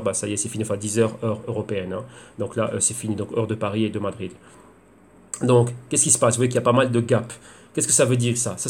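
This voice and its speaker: A man's voice: on the low side, a little mellow. A man walking viewers through trading charts, explaining levels and patterns and asking himself rhetorical questions. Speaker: crypto trading analyst. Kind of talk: screen-share chart analysis.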